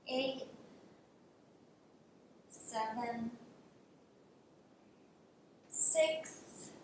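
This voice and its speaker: A woman teaching a yoga class in a soothing, encouraging way, guiding movements and counting repetitions. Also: fairly high pitch. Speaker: yoga instructor leading a class. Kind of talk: guided exercise instruction with counting. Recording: very echoey room, distant mic, faint noise.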